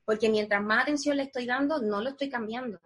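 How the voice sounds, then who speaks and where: Husky, higher-pitched woman sharing advice. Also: fast, fairly bright tone. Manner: earnest, reflective, explaining step by step. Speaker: guest. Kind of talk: casual interview conversation.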